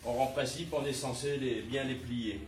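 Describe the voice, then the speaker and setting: An older man casually demonstrating his hiking gear, chatty and often pausing with hesitant fillers. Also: medium pitch, steady tone. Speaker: pilgrim showing gear. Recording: roomy and distant with faint background noise.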